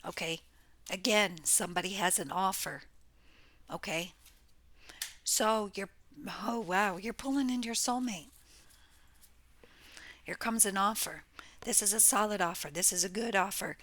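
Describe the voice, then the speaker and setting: A woman's voice: mid-range voice, unhurried, pauses often, a bit bright. A woman doing a casual tarot reading for her viewers, blunt and exclaiming, with the odd curse. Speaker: tarot reader. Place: home room near a window.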